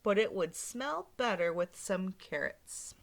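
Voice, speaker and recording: A woman reading aloud and voicing a clever, hungry young man with a slow, coaxing, persuasive delivery. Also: medium pitch, lively intonation, vocal fry.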